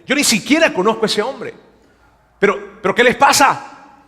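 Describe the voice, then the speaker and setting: A man voicing a panicked man who frantically denies knowing his friend, stammering through rushed protests. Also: very high voice, lively intonation, sharp tone, voice pushed up, heavily acted. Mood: frantic denial. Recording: long hall reverb.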